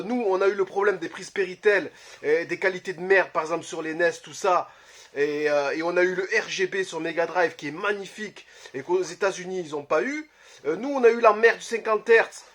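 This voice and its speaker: A man, casually talking to camera about his collection, blunt and quick to swear, with lots of "euh" fillers. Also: high voice, a bit bright. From Marseille, France. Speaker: retro game collector vlogger. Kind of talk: casual vlog talk to camera. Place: his home, early morning.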